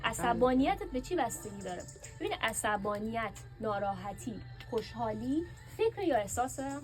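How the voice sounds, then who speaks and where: Lively woman teaching a class. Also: fairly high pitch, over music. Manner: lively, asks the class questions. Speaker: workshop teacher.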